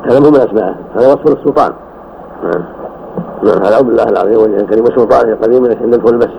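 An older man teaching as a sheikh, explaining a creed text slowly and correcting his student's reading with frequent "yes". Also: lowish voice, creaky. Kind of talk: classroom commentary on a text. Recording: dull old recording with faint hiss.

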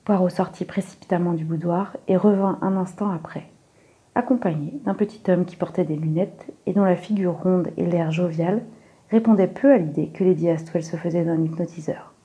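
A woman narrates a mystery novel with calm, measured storytelling. Her voice is lowish and mellow. It is an unhurried audiobook reading. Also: low-quality recording. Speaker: audiobook reader.

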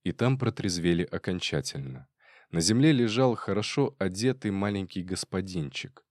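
Low-voiced man reading crime fiction. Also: lively intonation, moderate pace, a little mellow, no echo, clean studio sound. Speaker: audiobook narrator. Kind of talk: scripted crime narration.

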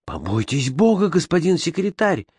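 A man voicing an accused Englishman sailor who protests in a raised, high voice in a storybook reading. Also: animated, moderate pace, no room sound, studio quality, natural voice. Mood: indignant.

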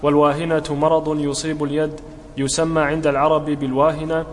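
Man reading aloud in a flat, high voice. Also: brisk. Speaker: student reading the text aloud. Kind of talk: reading a religious text aloud. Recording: long hall reverb with faint background noise.

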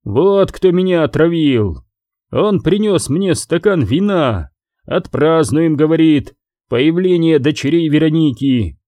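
Storybook villain-ish royal: man voicing a blustering dead elf king, animated and mellow. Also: fairly high pitch, slow, no echo. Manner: pompous, grumbling.

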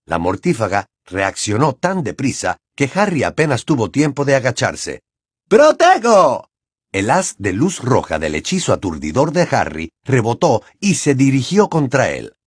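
Animated male audiobook narrator. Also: mid-range voice, moderate pace, hardly any pauses, breathy edge, no room sound, clean studio sound. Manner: expressive, dramatic reading. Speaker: audiobook reader. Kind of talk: dramatic storybook narration.

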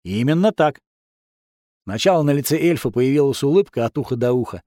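A man's voice: medium pitch, fast talker, dark tone, no room sound, studio quality. A man narrating a first-person fantasy audiobook in a wry, sardonic manner.

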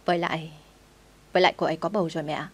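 A woman's voice: low-pitched, fairly even intonation, very fast, slightly rough. A woman reading the lines of an earnest son of thirty pleading with his mother.

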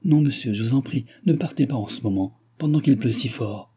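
A man's voice: medium pitch, a little fast, dark tone, slightly rough, voice pushed up, lightly acted. A man reading an audiobook, voicing a talkative, grateful old cottager woman with an effusive, pleading manner. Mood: fussing.

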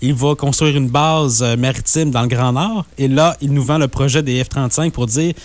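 A man's voice: medium pitch, normal speed, dry recording. A man, co-hosting a political radio show and cutting in with blunt, opinionated remarks. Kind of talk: casual political talk radio chat.

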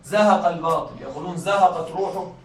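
A man's voice: a little high, fairly quick. A man teaching a rhetoric lesson to a class, often stopping to check that the students follow and repeating his examples. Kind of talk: classroom lecture. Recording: echoey room, mic far off, faint noise.

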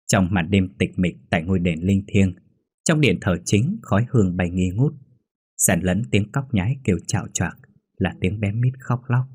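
A man narrating a horror story in a measured, ominous reading. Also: sits low, a little mellow, slightly rough. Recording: faint background music.

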